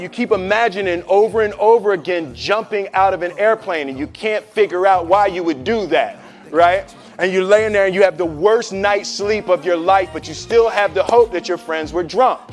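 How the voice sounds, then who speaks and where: A man with a notably high voice tells a story to an audience in a casual, conversational way. He slips into the voices of the people in his story and keeps his talk loose and full of slang. Faint music plays underneath. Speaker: speaker telling a story to an audience.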